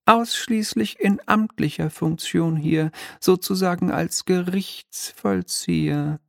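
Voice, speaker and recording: A man's voice: high voice, takes it slowly, creaky, no room sound, clean studio sound, pitched above the performer's own voice, heavily acted. A man reading an audiobook, voicing an oily, pompous male demon bailiff from hell with unctuous, mock-polite formality.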